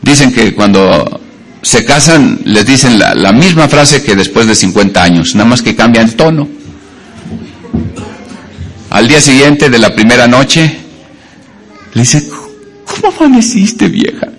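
A man's voice: medium pitch, animated, measured pace, pauses often, a bit bright, a little hiss or hum. A male pastor preaching a sermon, telling homely stories and jokes with many hesitations and fillers.

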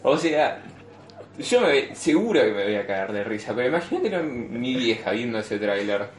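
Here the young Rioplatense host talks a little fast in a lowish voice during a casual film chat with friends on his podcast. Blunt and freely profane, he becomes lively when something excites him, and the recording has an echoey room and faint noise.

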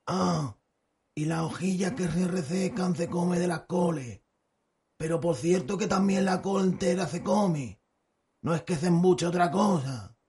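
A slow, rustic old village elder in an audio drama. He drags out his words in a homely country dialect. His voice sits high for a man. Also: creaky, darkish tone. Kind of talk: audiobook radio drama acting.

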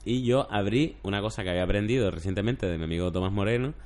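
A man, hosting a casual podcast chat and telling stories in a relaxed way. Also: lowish voice, quick pace. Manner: relaxed storytelling, laid-back. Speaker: podcast host.

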